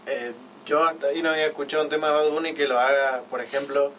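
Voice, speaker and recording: A young man with an Argentine accent in relaxed casual chat, mostly agreeing with short remarks. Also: fairly high pitch, fast. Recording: distant mic with faint noise.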